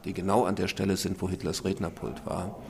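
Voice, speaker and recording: A man speaking as an expert interviewee, emphatic and deliberate, repeating key phrases. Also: low-pitched, level tone, creaky, darkish tone. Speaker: expert interviewee, memorial director. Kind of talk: spoken interview commentary.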